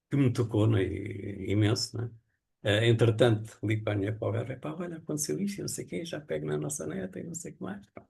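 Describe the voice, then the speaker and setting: Fast gravelly Portuguese man telling his story. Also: fairly low pitch. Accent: European Portuguese. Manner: animated storyteller acting out quoted dialogue. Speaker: testimonial speaker. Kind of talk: casual spoken testimony.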